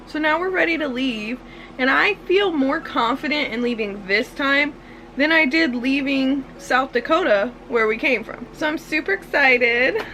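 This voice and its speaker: A young American woman chatting casually to viewers inside a small trailer, upbeat and informal, thinking out loud. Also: high voice, low-quality recording. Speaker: vlogger.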